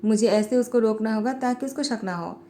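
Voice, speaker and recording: Brief: a woman reading as a curt, scheming young male boss, higher and mellow, storybook reading. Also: fairly quick, a little hiss or hum, natural voice. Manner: curt, bossy. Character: cold scheming young male company president.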